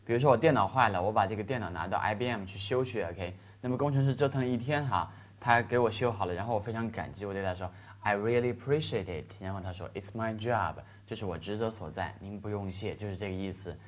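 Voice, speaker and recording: A man teaching English vocabulary in Chinese, stretching out the English examples slowly and checking in with his listeners. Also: fairly low pitch. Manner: explains in Chinese with slow, drawn-out English examples and frequent "是吧" checks. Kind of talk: classroom lesson explaining vocabulary.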